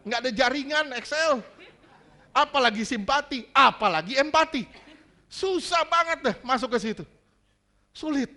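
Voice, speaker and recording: A man preaching a sermon as pastor, joking and animated. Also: very high-pitched, moderate pace, long pauses.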